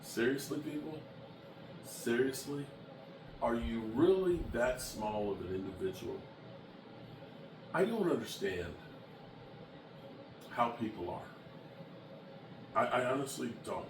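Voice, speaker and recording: A man in his late fifties talks bluntly and emphatically to his viewers, his voice pitched in a middle range. He sounds set back from the microphone in an echoey room. A clear hum of background noise runs underneath. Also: animated, takes it slowly, long pauses, recorded from a distance. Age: 50s. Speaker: sports vlogger. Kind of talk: casual chat to camera.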